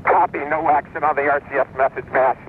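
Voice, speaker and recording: A man's voice: fairly high pitch, fairly even intonation, fast talker, narrow, tinny audio. Crew member, man, on breaking-up radio from a spacecraft; clipped readbacks, distant and noisy. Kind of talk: terse flight radio calls.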